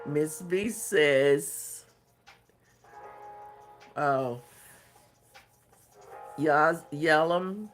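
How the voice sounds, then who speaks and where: A man's voice: fairly high pitch, drawn-out words, long pauses, a bit bright, faint music behind. A man hosting a craft livestream, reading viewer comments aloud and answering them in a hesitant, thinking-aloud way.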